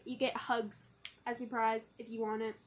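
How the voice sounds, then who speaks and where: A young woman chatting playfully to camera as a vlogger, full of quick asides and jokes, swinging between lively bursts and low, mumbled stretches. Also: a little hiss or hum. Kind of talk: casual chat to camera.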